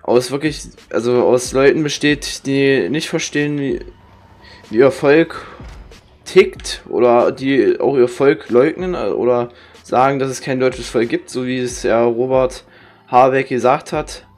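A man's voice: mid-range voice, a little slow, darkish tone. A young man from Germany gives casual, rambling gameplay commentary in slangy speech, grumbling and swearing. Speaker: gaming streamer. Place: indoor room with webcam.

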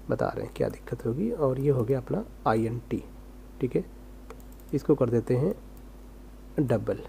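Male coding tutor, relaxed mellow delivery, rhetorical self-questions as he types, light hum in the recording. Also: mid-range voice, gravelly. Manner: casual, rhetorical self-questions, talks while typing. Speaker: programming tutor.

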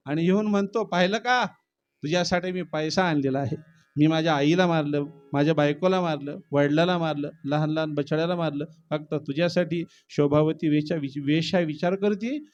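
High-voiced dramatic male kirtan preacher. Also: muffled recording. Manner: dramatic, swings from low murmurs to loud cries, breaks into song. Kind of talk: devotional storytelling sermon.

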